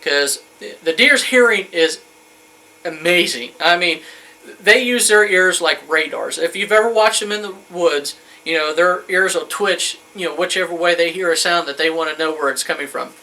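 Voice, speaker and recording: A man's voice: high voice, moderate pace, pushed and bright, rough recording. A man in his thirties giving an informal how-to talk as a hunting instructor, in a folksy, colloquial, rambling way. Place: wood-panelled room indoors.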